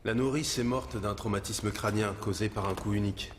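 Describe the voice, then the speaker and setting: An actor playing a crime investigator in a drama, speaking in a matter-of-fact, clinical way. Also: male voice, lowish voice, fairly even intonation, a little fast, close to an everyday voice. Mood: clinical, serious. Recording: loud background noise.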